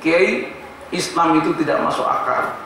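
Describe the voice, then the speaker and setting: A boastful, dismissive young graduate student, put on by a male preacher telling a story in a sermon. He sounds sharp and bright even in this lower voice. The sermon echoes heavily around a large hall, picked up from some distance. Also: moderate pace, slight background noise.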